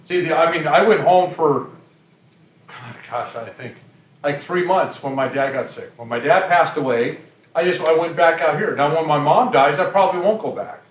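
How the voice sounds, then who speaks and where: A man leads a group discussion in a conversational way. His voice sits a little high for a man. He is heard from across an echoey conference room. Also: normal speed, distant mic. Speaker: presenter.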